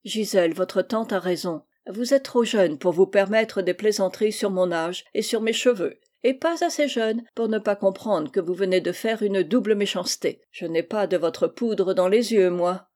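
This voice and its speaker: A frank old family friend, as a woman reader puts him on, speaks bluntly and firmly. The voice stays mellow and unhurried in a storybook reading. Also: mid-range voice, close to an everyday voice. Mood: stern. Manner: blunt and stern. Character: frank, gruff but kindly old man.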